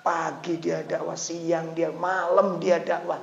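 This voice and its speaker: A man preaching an animated, joking sermon to an audience in a lecture hall. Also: on the high side, slow pace, gravelly, slight background noise. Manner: animated, joking, switching into local dialect. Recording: echoey, slightly dull lecture recording.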